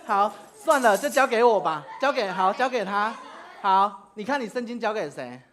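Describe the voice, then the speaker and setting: A woman's voice: mid-range voice, expressive, normal speed, fairly bright tone, a little hiss or hum. A woman, a preacher leading children in a playful church game, calling out commands and laughing often. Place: church sanctuary.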